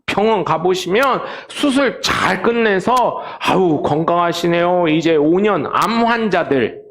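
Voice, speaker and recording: A man delivers a Sunday sermon from a church pulpit, his voice pitched high with a gravelly, fry-edged grain. He preaches in a loose, joking storytelling way. He jumps between loud acted-out quotes and low, muttered asides. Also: lively intonation, takes it slowly. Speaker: pastor. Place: church sanctuary.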